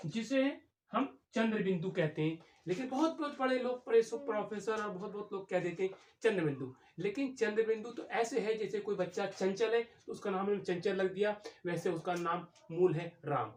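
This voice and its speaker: A man giving an exam-prep grammar lesson as a Hindi teacher, explaining step by step and pausing on drawn-out fillers. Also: sits high. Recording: echoey room, voice from far off the mic.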